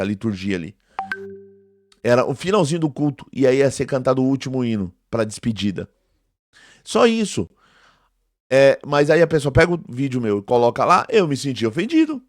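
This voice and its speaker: In this direct-to-camera response video, a theology teacher in his forties rebuts a critic with a mid-range voice. It's studio quality with no echo, and his tone is indignant and emphatic as he repeats himself.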